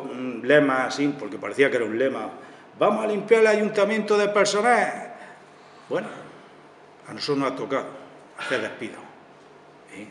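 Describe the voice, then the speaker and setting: A man's voice: mid-range voice, a little hiss or hum. A man, a town councillor giving a press conference statement, earnest and tagging his sentences with little checks. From Spain. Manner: tags sentences with "vale" and "eh", earnest. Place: town hall press room. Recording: echoey hall with long reverb, faint ambience.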